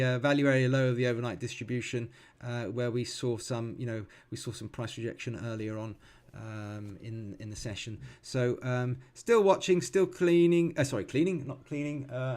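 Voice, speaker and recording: A man in his forties giving live trading commentary, thinking aloud calmly and explaining as he goes, with frequent ums and self-corrections. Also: medium pitch. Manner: calm, explanatory, teaching as he watches. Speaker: futures trader streaming live.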